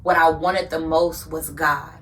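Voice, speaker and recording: A woman's voice: deep voice, fairly even intonation, a little slow, a bit bright, recorded from a distance. Earnest woman preaching, set back from the mic. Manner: earnest, preacher-like, repeats phrases for emphasis. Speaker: podcast host. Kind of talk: motivational faith talk.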